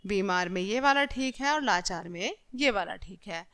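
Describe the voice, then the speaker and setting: A woman's voice: mid-range voice, animated, normal speed, fairly bright tone. A woman teacher explaining a lesson patiently to young children, reading words and sentences aloud and correcting them.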